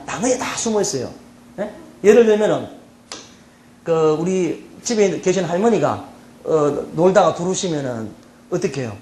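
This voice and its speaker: A middle-aged man from the Gyeongsang region with a Gyeongsang accent, giving a humorous university lecture and checking on his students with quick "eh?" asides. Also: high-pitched, darkish tone. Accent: Gyeongsang Korean. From South Korea, Gyeongsang region. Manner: chatty, teasing, checks the audience with frequent "예?" and "어?". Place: lecture hall. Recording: roomy hall with faint background noise.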